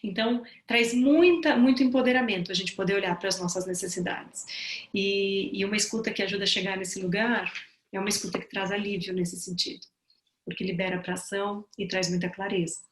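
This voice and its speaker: A woman tutor teaching a seminar on empathic listening, speaking gently and reflectively, explaining things slowly. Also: mid-range voice, steady tone, echoey room, slight background noise.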